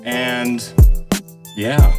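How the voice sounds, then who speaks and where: A man's voice: mid-range voice, steady tone, extremely slow, loud music behind the voice. A man from Canada hosting a casual podcast, laid-back and full of fillers. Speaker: podcast host. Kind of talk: casual chat.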